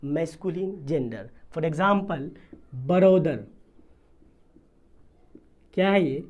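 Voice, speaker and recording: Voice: medium pitch, expressive, darkish tone, muffled recording. Patient teacher quizzing the class. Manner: asks the class questions and answers them, repeating key terms; reads English definitions slowly, word by word. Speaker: English grammar teacher. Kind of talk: classroom-style video lesson in Hindi mixed with English terms.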